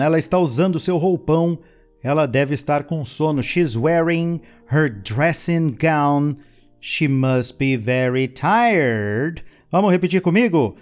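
A man teaching English vocabulary in a lesson, chatting casually in his explanations and slowly modelling sentences for learners to repeat, with playful asides. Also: on the high side, a little mellow. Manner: switches between chatty explanations and slow, careful model sentences. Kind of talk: language lesson with repeat-after-me drills.

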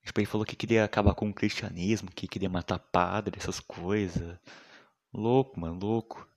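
A young man rambling in a casual, slangy monologue full of swearing, often trailing off quietly. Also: low-pitched, fairly even intonation, moderate pace.

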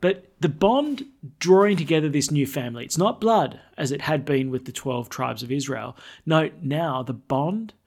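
A man speaking as a priest, giving scripture readings and a sermon in a measured, solemn, declamatory way. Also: on the high side, lively intonation, gravelly, darkish tone.

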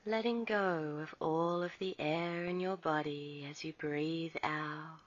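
A woman guiding a relaxation meditation in a soft, soothing voice. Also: low-pitched, steady tone. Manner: soft, slow, soothing delivery. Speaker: meditation guide. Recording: dull lo-fi recording.

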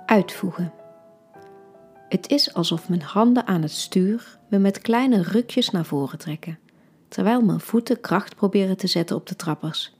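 A woman hosting a podcast, reading a short story aloud in an intimate, soft delivery that often drops to a near-whisper. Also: medium pitch, unhurried, breathy edge, faint music behind.

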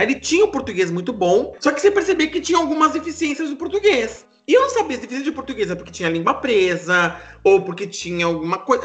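Speaking with a very high pitch in a roomy-sounding space, this male podcast host with a Brazilian accent chats casually and tells stories. He comes across as animated and expressive.

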